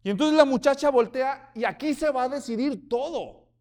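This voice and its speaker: A man's voice: very high-pitched, moderate pace, darkish tone. A man preaching a sermon as pastor, telling stories with humor and rhetorical questions to the congregation.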